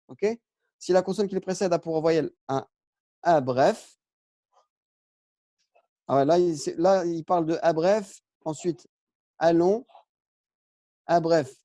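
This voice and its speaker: A man teaching a relaxed lesson, patient and step by step, with frequent fillers and self-corrections. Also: on the high side, dry recording, clean studio sound. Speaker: Arabic teacher. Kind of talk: casual lesson on Arabic spelling.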